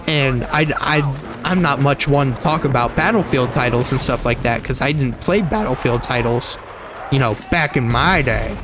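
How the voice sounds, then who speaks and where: A young streamer with a medium-pitched voice chats continuously at a moderate pace while playing a shooter, over a noisy background. His casual gameplay talk is rambling, full of repetitions and self-corrections, and carries a slight frog in his throat.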